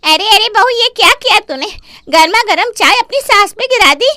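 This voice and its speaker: A woman's voice: extremely high pitch, animated, normal speed, pushed and bright, no echo, clean studio sound, voice pushed up, heavily acted. A woman voicing a meddling older neighbor aunt who gives conspiratorial warnings in a cartoon.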